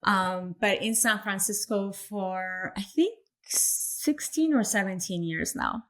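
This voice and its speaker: An Iranian woman who coaches parents of sensitive children answers interview questions thoughtfully, pausing often and saying "um" a lot. Her voice sits in the mid-range with a fairly bright tone.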